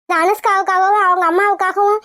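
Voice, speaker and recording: A woman's voice: very high-pitched, flat delivery, fast, pushed and bright. A woman voicing an earnest, pregnant young wife who pleads with her grandmother, in a cartoon. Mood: pleading.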